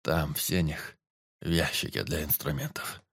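A man reading the part of a badly wounded forester, speaking low, weak and broken, gruff and used to giving orders. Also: expressive, moderate pace, fairly bright tone, no echo, studio quality, exaggerated voice. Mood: weak, strained. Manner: strained, breathless, low and broken.

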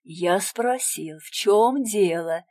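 A woman's voice: mid-range voice, expressive, takes it slowly, dry recording. Pushy irritable man, put on by a woman narrator. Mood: demanding. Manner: loud, demanding, snapping. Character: pushy irritable grown man, bossy and coarse.

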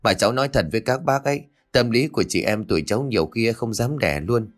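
A man's voice: medium pitch, lively intonation, fast talker, natural voice. A man voicing a sly, teasing young governor's daughter in a spoken ghost story.

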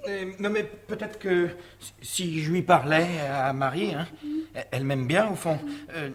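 An actor playing a frightened, deferential butler who stammers in a 1970s radio drama. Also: male voice, a little high, moderate pace, natural voice. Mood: pleading. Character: frightened middle-aged male butler Roger.

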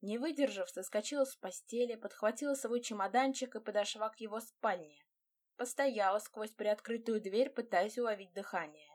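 A woman's voice: a little high, moderate pace, a little mellow. A woman reading a first-person fantasy romance audiobook with dramatic expression. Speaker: audiobook narrator.

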